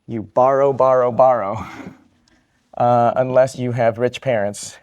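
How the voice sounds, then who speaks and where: A man's voice: mid-range voice, steady tone, a little slow, a little mellow, clear, resonant tone. A man from Vietnam who works as a psychiatrist, giving a live question-and-answer talk to students, upbeat and joking, repeating each question back.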